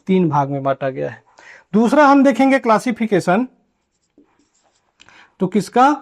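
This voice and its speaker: A man teaching a grammar lesson at a board, asking questions and answering them himself, and drawing out key terms slowly. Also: sits high, big pitch swings. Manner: asks and answers his own questions. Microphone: writing on a board while teaching.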